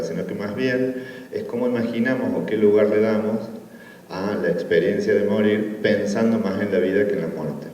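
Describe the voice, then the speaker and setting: A man from Argentina with a Córdoba accent giving a relaxed conference talk, full of fillers and tag questions. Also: sits low, slight background noise. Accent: Argentine Spanish, Córdoba. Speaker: academic conference speaker. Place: conference room. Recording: distant, echoey hall, dull sound.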